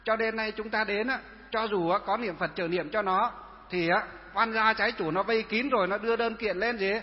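A man preaches as a Buddhist monk, posing questions to his listeners and answering them himself, often going back over the same words. His voice sits high for a man. The recording is dull and lo-fi, with a long reverb trailing each phrase. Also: steady tone, fairly quick. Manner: repetitive, asks and answers own questions. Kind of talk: sermon with rhetorical questions.

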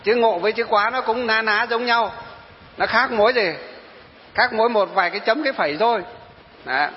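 High-voiced monk giving a dharma talk. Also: male voice, brisk, slight background noise. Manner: storytelling, quoting followers, rhetorical questions. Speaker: Buddhist monk teacher. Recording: dull lo-fi hall recording.

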